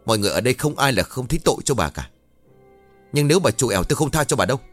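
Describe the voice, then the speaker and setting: A man's voice: medium pitch, animated, racing, faint music behind, pitched above the performer's own voice, close to an everyday voice. A man voicing an angry village man who scolds a neighbor. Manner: scolding, hot-tempered.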